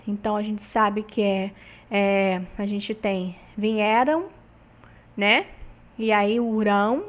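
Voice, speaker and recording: A woman with a Brazilian Portuguese accent gives a recorded university lecture. Her voice sits fairly high, and she explains step by step, closing phrases with small tag questions to her listeners.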